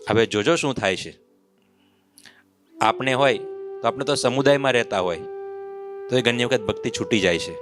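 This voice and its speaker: A man preaching a devotional story, who acts out the voices of mocking villagers as he tells it. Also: medium pitch. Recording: clear instrument music behind the voice. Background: musical instrument accompaniment.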